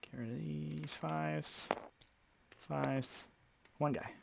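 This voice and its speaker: A man hosting a tabletop wargame session, brisk and upbeat as he counts his saves out loud. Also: fairly high pitch, fairly even intonation, gravelly, noisy background. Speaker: tabletop wargame player and channel host. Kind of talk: casual game commentary.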